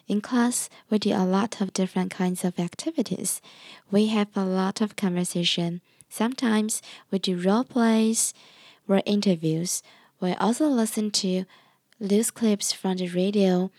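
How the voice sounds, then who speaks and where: A woman who is an English language student, reading a scripted narration in a careful, measured way. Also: medium pitch, steady tone, a little mellow.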